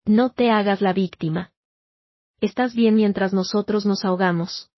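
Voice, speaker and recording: A woman's voice: medium pitch, normal speed, dry recording, close to an everyday voice. A smug, condescending brother talks down to his sister, read by a woman storyteller. The sound is muffled and dry.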